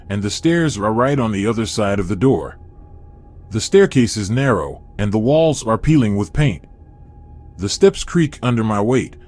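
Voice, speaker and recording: A man reading a scripted first-person horror story in a steady, measured way. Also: mid-range voice. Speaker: narrator.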